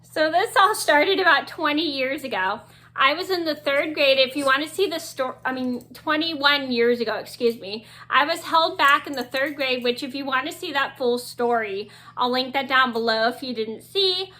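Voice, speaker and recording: A woman's voice: high-pitched, normal speed, bright, forceful tone. A young adult woman telling a school story to her vlog audience in a rambling, casual way, with many restarts and fillers. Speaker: vlogger.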